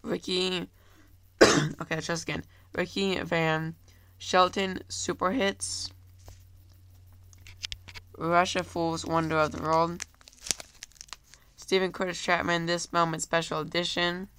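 Slow and given to frequent pauses, this YouTuber with a cold speaks in a level, sharp voice on the high side, with a little hiss or hum. He rambles casually to the viewers, whom he keeps calling "guys," filling his home handheld-camera monologue with fillers and apologies.

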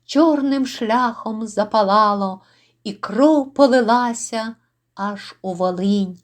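A woman reciting epic poetry in a solemn, deliberate way. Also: on the high side. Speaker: reader.

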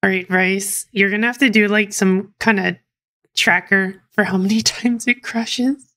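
A woman's voice: mid-range voice, fairly even intonation, unhurried, bright, forceful tone. Chatty woman gaming with friends. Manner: chatty, exasperated at crashes. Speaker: gamer playing on stream. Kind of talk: casual gaming chat.

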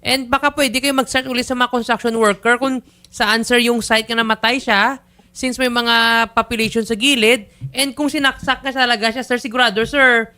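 A man's bright, ringing voice with a crisp, clean tone. He hosts a public-service interview show. He presses his callers with firm questions while staying polite. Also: very high voice, fairly even intonation, normal speed. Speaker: host.

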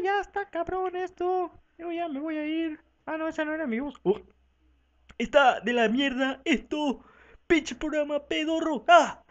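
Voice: high-pitched, muffled recording. A speaker with a Mexican accent doing a rowdy, profane comic parody dub of a talk show, voicing every part and switching between voices. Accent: Mexican Spanish.

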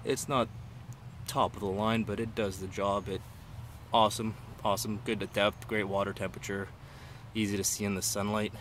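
Man, plain-spoken and enthusiastic, deeper voice, handheld phone recording on a lawn. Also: flat delivery, normal speed, a bit bright, a little hiss or hum. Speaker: angler showing his canoe. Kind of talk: casual walkthrough. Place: outdoors on a lawn. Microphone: handheld phone camera.

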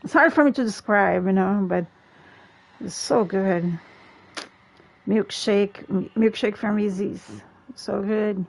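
Woman, young adult, slow-paced, casual gaming stream chat, playful, laughs a lot. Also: mid-range voice, gravelly. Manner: chatty and playful, laughs often, talks to teammates. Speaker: gaming livestreamer. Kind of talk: casual live gameplay chat. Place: home, in a gaming chair.

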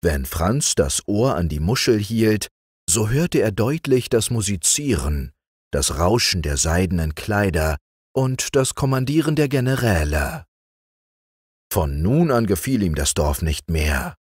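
A man reading fairy tales aloud as a calm bedtime audiobook narrator, close to the mic. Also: lowish voice, husky, dry recording. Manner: calm, measured storytelling.

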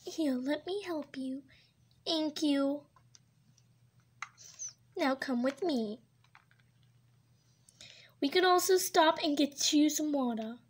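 A woman voicing a cheerful, kindly female doctor in a toy-pet home movie, speaking slowly and soothingly. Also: high voice. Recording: faint background hiss.

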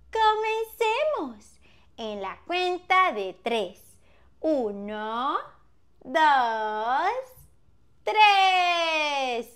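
A woman teaching small children, singing and talking slowly in a playful sing-song way, with animal sounds and gentle shushing. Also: sits high. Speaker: preschool Spanish teacher.

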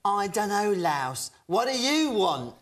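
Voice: mid-range voice, very animated, takes it slowly, fairly bright tone, exaggerated voice. A performer playing a silly, eager adult man in a kids' puppet show, with bouncy put-on voices. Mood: cheeky. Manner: bouncy, goofy, swooping voice put-ons.

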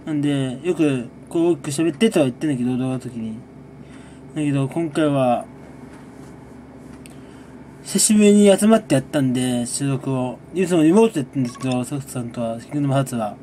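Sipping a drink as he talks, a man who makes gaming videos gives a loose, rambling monthly recap full of chuckles. His voice sits a little high, with slight noise behind it.

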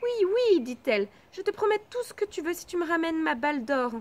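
A woman's voice: lively intonation, fast talker. A woman voicing a spoiled young princess. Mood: exclaiming. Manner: high, exclaiming delivery. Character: spoiled young princess, tearful then eager.

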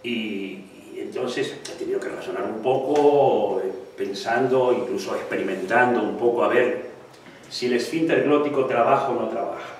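A man's voice: mid-range voice, normal speed. Man lecturing in an echoey hall. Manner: explanatory, repeats syllables to demonstrate. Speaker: guest lecturer on singing technique. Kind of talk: live lecture with demonstrations. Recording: echoey hall, distant mic, faint noise.

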